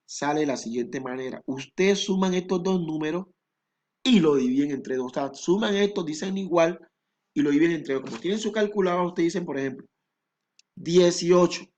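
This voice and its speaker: A man's voice: on the high side, a little mellow, muffled recording. Patient man teaching math. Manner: patient, repetitive step-by-step explaining. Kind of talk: recorded math lesson.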